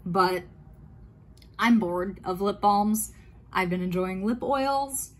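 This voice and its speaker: A skincare vlogger talks casually through her nighttime skincare routine as she does it, meandering with fillers and small self-corrections. Her voice is mid-range and she speaks at a slow pace.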